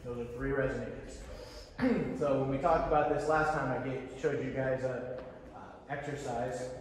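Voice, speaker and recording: A man leading a choir rehearsal warm-up as vocal coach, explaining resonance and breaking into short sung vowel sounds. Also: medium pitch, fairly even intonation, moderate pace, a little hiss or hum. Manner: demonstrates sung vowel sounds between instructions. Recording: echoey hall heard from far off.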